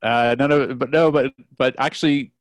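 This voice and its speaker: A man's voice: mid-range voice, steady tone, normal speed, no room sound, clean studio sound. A man hosting a podcast, playfully quizzing his friends in casual chat. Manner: playful quizmaster, laughs often. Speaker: podcast host running a trivia quiz.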